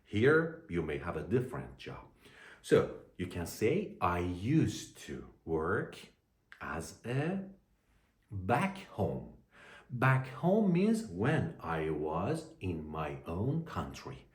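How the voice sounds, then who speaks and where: A man teaching an English lesson to learners, speaking deliberately and repeating phrases for them to copy. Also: deep voice, huge pitch swings. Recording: echoey room.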